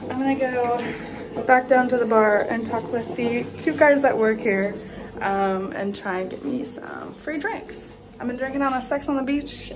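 A young woman chats excitedly into a handheld phone camera as she wanders a hostel and a beach, her voice a touch high. She swears casually and drops to a hushed whisper when indoors. Clear ambient noise runs under the whole recording. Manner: often drops to a hushed whisper in shared rooms. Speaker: travel vlogger. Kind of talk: casual travel vlog.

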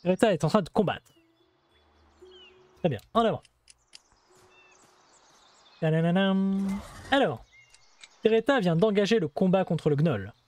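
A man's voice: sits high, expressive, a little slow, long pauses, darkish tone. A man hosting a gameplay video, casually explaining the game in a chatty way with many hesitations and asides.

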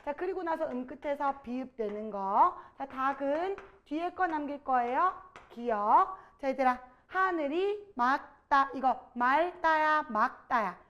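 A woman with a high voice teaches a grammar lesson, putting questions to her students and stretching out the example words. The audio is a little dull and lo-fi. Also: lively intonation, measured pace, fairly bright tone.

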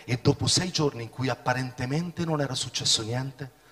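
A middle-aged man preaching a sermon in a church hall, swinging from shouts to hushed tones. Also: medium pitch, normal speed. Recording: long reverb of a hall.

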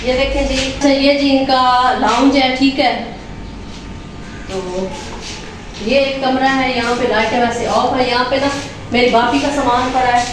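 A middle-aged woman with a Pakistani Urdu accent talks casually to her viewers, pointing things out as she walks through a village house. Her voice sits a little high. The phone recording is roomy and echoey, with clear outdoor noise behind her. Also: fairly even intonation, a little slow. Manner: chatty, addresses viewers as friends, points things out. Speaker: vlogger. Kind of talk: casual home tour vlog. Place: village house rooftop and rooms.

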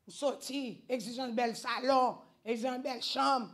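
At a church service, a woman with a Haitian accent preaches a fervent sermon, swinging from loud outbursts to quiet stretches and repeatedly exclaiming praise. Her voice is a little high and steady in tone, and her pace a little slow.

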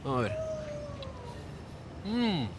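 Taking it slowly, a TV host in his thirties uses a high voice with big pitch swings as he presents on location with a handheld mic. He has an Ecuadorian Spanish accent and a playful, coaxing, lively style with repeated words, working in a hotel kitchen and out on the street, where traffic and street sounds fill the background.

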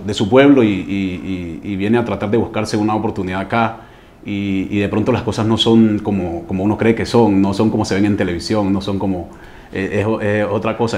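A man's voice: on the low side, darkish tone. A man from Colombia, a salsa orchestra singer, answering interview questions hesitantly with many fillers.

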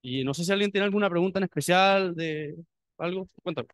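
A young Chilean man talks quickly and informally to prospective students, tripping over his words and restarting often. His voice is smooth and clear, a little higher than most men's, and sits in a dry, close sound. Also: no room sound. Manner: chatty, many restarts. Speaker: university student.

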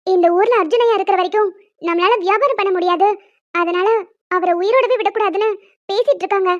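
A woman voicing a young woman in an animated cartoon, a fretful bride-to-be who sulks and picks mock quarrels with her fiancé. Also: very high voice, brisk, muffled recording. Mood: worried.

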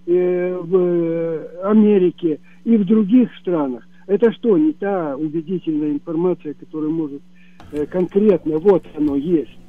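A man calling into a radio show by phone, talking haltingly with filler sounds and sudden bursts of emphasis. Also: on the high side, dry recording. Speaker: caller. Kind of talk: call-in radio comment. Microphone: telephone. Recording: tinny phone line.

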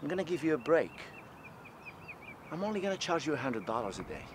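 Man playing a brash street hustler, swearing, lively pitch, outdoor street noise, student film. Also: fast talker. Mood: cocky. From Morocco. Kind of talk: low-budget student film acting. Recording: noisy outdoor street sound.

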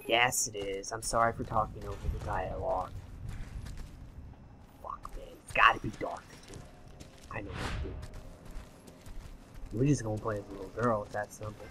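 A young man doing let's play commentary, excitable and swearing at the game, his voice going hoarse. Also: on the low side, normal speed, long pauses, a little hiss or hum. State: losing his voice. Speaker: gaming channel host.

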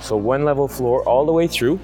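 A man's voice: medium pitch, a little mellow, soft background music. Man giving a construction site tour. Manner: halting, many fillers and restarts. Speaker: museum facilities director giving a site tour. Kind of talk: walking guided tour. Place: large indoor construction site.

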